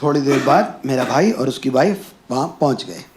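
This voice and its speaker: A middle-aged man doing a stand-up comedy set, telling animated stories and mimicking people with loud outbursts. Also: medium pitch, normal speed. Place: comedy venue with live audience. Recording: echoey room with background noise.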